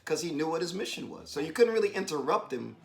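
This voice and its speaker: Gravelly preaching husband, emphatic. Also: male voice, on the high side, fast talker. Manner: emphatic, exhorting, rising to bursts of excitement. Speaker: husband co-hosting a devotional. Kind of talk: preaching devotional talk. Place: home, joining an online meeting. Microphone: video call.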